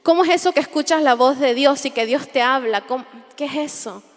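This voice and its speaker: A woman's voice: high voice, brisk. A woman voicing a puzzled, devout male army captain who questions her insistently. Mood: baffled. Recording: long hall reverb.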